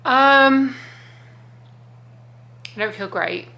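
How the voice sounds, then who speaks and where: A woman's voice: high-pitched, very slow, creaky, bright, forceful tone. A woman chatting casually and informally to camera as a travel vlogger, rambling and confiding.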